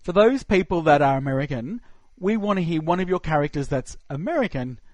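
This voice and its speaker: A man co-hosts a casual podcast chat and teases his guest. His voice sits a little high and sounds dry and close, with no room around it. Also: expressive, a little fast, a little mellow, no echo. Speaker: podcast co-host.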